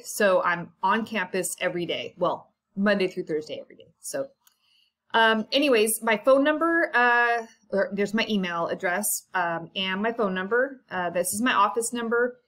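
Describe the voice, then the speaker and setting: A woman's voice: medium pitch, a bit bright. A woman college instructor walking through her course syllabus in a casual, informal way, with frequent fillers, asides and the odd cough. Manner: chatty and informal, many ums and asides. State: coughing now and then. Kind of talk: casual syllabus walkthrough lecture.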